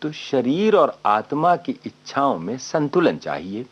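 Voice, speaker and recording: A man's voice: mid-range voice, big pitch swings, slightly rough. An actor in a radio play voicing a thoughtful man who muses on life to his friend. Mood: reflective. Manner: slow, reflective, lecturing his friend. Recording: dull lo-fi radio recording.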